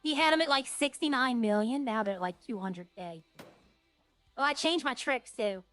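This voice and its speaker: Higher-pitched woman chatting on a game stream. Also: normal speed, a bit bright, soft background music. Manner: informal, rambling, talking to viewers.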